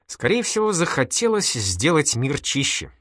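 A man's voice: on the high side, very animated, moderate pace, fairly bright tone, no echo, clean studio sound, voice pushed up. A man playing a wry, polite young detective. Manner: polite, dryly humorous. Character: calm, wry young male police detective. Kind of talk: audiobook character voice.

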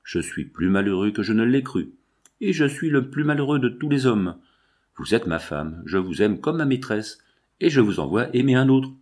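A man's voice: mid-range voice, expressive, moderate pace, darkish tone, close to an everyday voice. A man voicing a jealous, anguished nobleman husband who questions his wife with impassioned reproach, in an audiobook reading.

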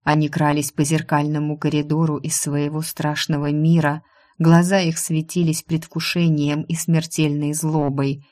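A woman narrating a first-person fantasy novel in a steady, measured reading. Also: deep voice. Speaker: audiobook narrator.

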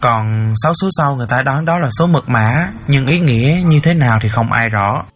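A man's voice: medium pitch, fairly quick, soft background music, natural voice. An actor playing a middle-aged father who earnestly recounts a painful story. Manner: earnest storyteller, cries out in emotion. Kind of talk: audiobook character acting.

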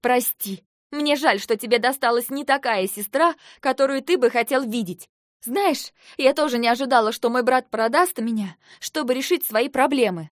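A fiery young princess, as the woman narrating puts her on shouts in a high, strained voice. Her defiance stays loud throughout. The recording is close and dry. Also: moderate pace, dry recording, lightly acted. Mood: furious. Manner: shouting, pitched up in anger.

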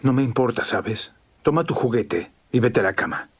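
An actor playing a gruff, impatient army sergeant in a Latin American Spanish film dub, giving curt drill-sergeant orders. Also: male voice, mid-range voice, animated, normal speed. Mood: stern, impatient. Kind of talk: dubbed film acting. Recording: faint background noise.

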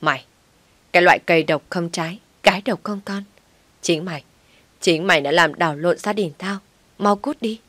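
A woman reading a story aloud, voicing a domineering older mother-in-law who shouts and scolds. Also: lowish voice, fairly even intonation, moderate pace, no room sound, natural voice. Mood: furious.

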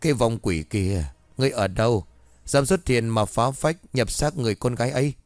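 A stern old woman exorcist gives orders to a ghost in a firm voice, read by a man with little change from his own. The voice is mid-pitched and dry, recorded close to the mic. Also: brisk, no room sound, close to an everyday voice. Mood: commanding. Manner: stern, commanding.

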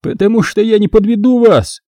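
A wisecracking young thief, cheeky and boastful, as a male narrator puts him on in a raised, husky voice with lively swings in pitch. The audiobook sound is dry and close. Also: a little fast, no room sound, exaggerated voice.

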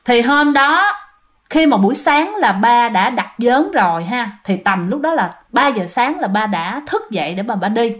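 A woman telling ghost stories in a chatty way and often speaking straight to her listeners. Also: a little high. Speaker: ghost story narrator. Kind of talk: casual storytelling to listeners.

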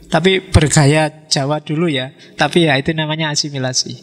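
A man with a lilt lectures on philosophy in an easy, talky way, often turning questions back on his audience. His voice sits a little high for a man. A long hall reverb trails behind each phrase. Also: fairly quick. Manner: relaxed, conversational, poses questions to listeners.

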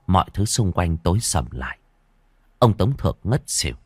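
Deep-voiced man telling a horror story. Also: darkish tone, slightly rough, dry recording. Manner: dramatic, suspenseful storytelling. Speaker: narrator. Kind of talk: scripted horror story narration.

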